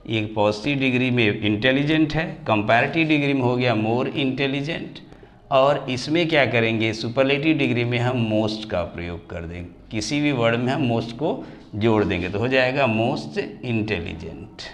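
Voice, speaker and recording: A man teaching English grammar, his voice at an ordinary middle pitch for a man. He drags out example words slowly, syllable by syllable, and calls his students dear children. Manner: slows right down and stretches example words to spell them out. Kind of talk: classroom grammar lesson.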